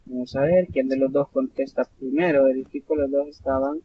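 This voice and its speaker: A Salvadoran man with a Salvadoran Spanish accent tutors an online class in a medium-pitched, steady, brisk voice. He explains patiently, using many fillers and correcting himself often. The audio is dull and lo-fi, with faint noise.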